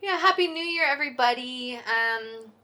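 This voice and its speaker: A woman's voice: sits high, expressive, moderate pace, sharp tone. A woman from Canada co-hosting a casual chat, self-mocking and jokey. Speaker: podcast co-host.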